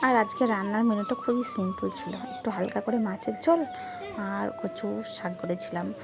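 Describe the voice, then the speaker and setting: A woman's voice: medium pitch, normal speed, creaky, noisy background. A woman, a mother chatting to her viewers in a casual family vlog at home. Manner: chatty, addresses viewers directly. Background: background music.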